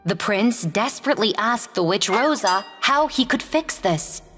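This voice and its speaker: A woman tells a children's fairy tale in a gentle, expressive read-aloud voice. She speaks slowly with a very lively pitch. A long reverb trails her words over faint background music. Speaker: storyteller. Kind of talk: scripted fairy-tale narration.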